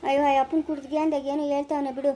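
A woman's voice: high voice, level tone, very fast, dark tone, lightly acted. A woman playing a quarrelsome, indignant village man in a family skit, in a rural Chikkaballapura Kannada accent, scolding and ranting and repeating herself.

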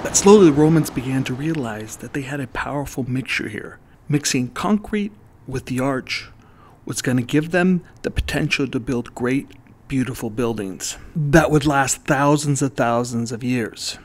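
A man narrating an art history lesson in voice-over, calmly explaining ideas step by step. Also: medium pitch, normal speed. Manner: explanatory, walks the listener through ideas step by step.

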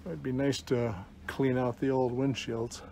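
Laid-back guy w mellow voice talking thru a face mask, casual walkthrough, some noise on the phone recording. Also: mid-range voice, level tone, a little slow, creaky. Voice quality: slightly muffled through a face mask. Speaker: vlogger giving a walk-through. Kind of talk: casual unscripted walk-through narration. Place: inside an old bus at a scrapyard. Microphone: handheld phone. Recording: noisy handheld phone recording, vehicle ambience.

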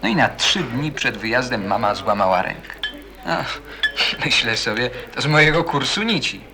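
In a radio play, a man with a medium-pitched, sing-song voice plays a bitter, defensive teenage schoolboy who is defiant, sarcastic and colloquial, speaking at normal speed with a wry storytelling mood. Busy café-like crowd chatter fills the background.

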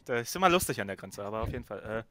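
A man's voice: fairly low pitch, expressive, very fast, pushed and bright, a little hiss or hum. A man from Ukraine chatting casually on a podcast, rambling and jokey. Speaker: podcast co-host. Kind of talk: casual chat.

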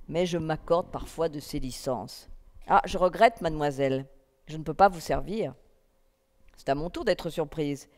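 A woman reading a literary text aloud at a festival, in a calm, measured first-person narration. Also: sits low. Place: festival stage in a hall. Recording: long reverb of a hall.

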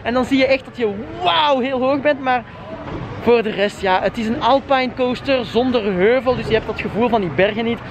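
A man's voice: extremely high pitch, moderate pace. A man vlogging in a casual, chatty way while walking outdoors in a theme park, talking to his viewers and rating what he sees. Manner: chatty, rates rides, addresses viewers directly. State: out of breath while climbing. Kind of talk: casual vlog talk to camera. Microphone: handheld camera, at times a phone at arm's length. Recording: outdoor crowd noise, loud background. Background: crowd and ride noise.

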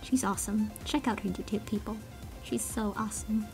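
Responding to a voice meme, a woman who sings amateur covers rambles to her online audience, giggling and poking fun at herself. Her mid-range voice is fairly quick with fairly even intonation, and music plays behind her.

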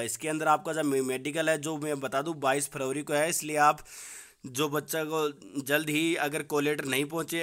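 A man hosting a job-update channel, talking viewers through a results list in a brisk, repetitive, reassuring way. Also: on the high side, a bit bright. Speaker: YouTube job-news host. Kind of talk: screen-recorded explainer. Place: voice-over on a phone screen recording.

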